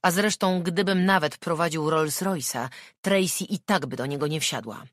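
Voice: mid-range voice, moderate pace, fairly bright tone, no room sound, studio quality, voice pushed up, natural voice. A narrator reading an audiobook and voicing a brusque, defiant suspect under interrogation. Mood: defensive. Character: defensive, indignant murder suspect.

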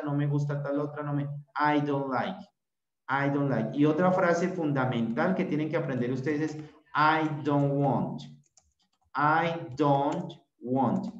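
A man teaching an English class over a video call, repeating short phrases slowly so the students can copy them. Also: fairly high pitch. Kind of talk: virtual class instruction. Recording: echoey room, dull lo-fi sound.

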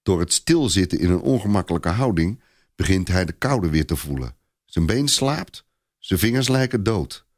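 A man with a low voice narrates a story in a dramatised, scripted reading, his delivery expressive and deliberate with lively rises and falls. The recording is dry and close.

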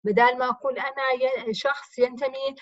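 A woman's voice: high-pitched, steady tone, a little fast, a bit bright, no room sound, dull audio. A woman teacher with a Levantine accent, explaining grammar step by step by asking and answering her own questions in a recorded lesson. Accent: Levantine Arabic. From Jordan.

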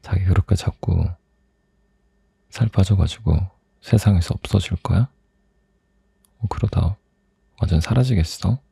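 A young man performs an ASMR role-play as a teasing, caring boyfriend. His voice is very dark and mellow, with a breathy, husky texture. He takes his time, speaking softly and intimately right at the mic. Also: sits low, measured pace, pauses often, dry recording. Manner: soft, intimate, teasing, chuckling. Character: teasing, doting boyfriend on a late call. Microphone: close microphone.

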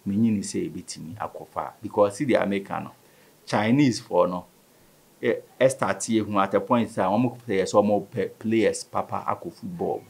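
Deep husky ghanaian guy, west african accent, chatting in a studio sports interview. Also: moderate pace. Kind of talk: conversational studio interview, mixing Twi and English. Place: small indoor studio. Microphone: studio microphone on table stand.

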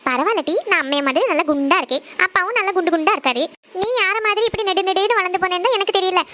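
A woman's voice: extremely high pitch, very fast, sharp tone, no room sound. A woman voicing a teasing, mischievous older college-girl sister. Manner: teasing, playful.

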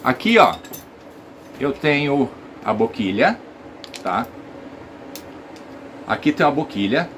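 A man's voice: mid-range voice, big pitch swings, slow pace, long pauses, a bit bright. Brazilian guy explaining sax step by step, keeps asking if u get it, bit of room hum behind. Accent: Brazilian Portuguese. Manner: explains step by step, asks viewers if they follow. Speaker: saxophone teacher. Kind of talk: casual video lesson.

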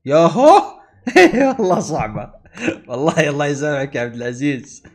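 A man giving excitable gameplay commentary, exclaiming and talking to himself and his viewers. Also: mid-range voice, fast, faint music behind. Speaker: gaming YouTuber.

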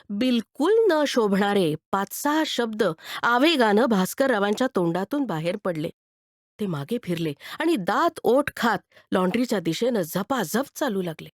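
A woman narrating a written story with expressive delivery. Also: medium pitch, no room sound, clean studio sound. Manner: expressive, animated.

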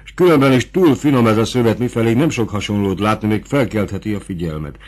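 A man's voice: lowish voice, a little mellow, lightly acted. A man reading an audiobook, voicing a humble, devoted former coachman in a plain, earnest tone.

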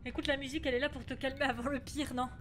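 A woman's voice: high voice, flat delivery, very fast, a bit bright, soft background music. A woman streaming a horror game, jittery and swearing, who keeps saying she is scared and reads in-game English aloud with a strong French accent. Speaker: gaming streamer. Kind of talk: live horror game commentary.

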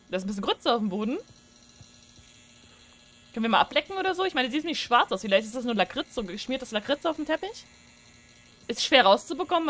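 A woman's voice: fairly high pitch, fairly bright tone. A woman giving joking, chatty commentary while playing a horror game, talking to viewers at a desk microphone. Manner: chatty, joking, shrieks when startled. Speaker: gaming streamer. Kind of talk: let's play commentary.

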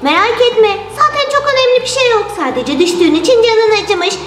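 A woman voicing a calm, reassuring female doctor doll in a children's toy story, soothing and measured. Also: very high-pitched, roomy sound.

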